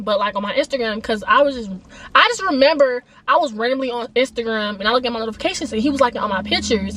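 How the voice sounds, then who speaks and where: A young woman vlogger telling a story casually, slangy and animated, acting out the people she quotes. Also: high voice.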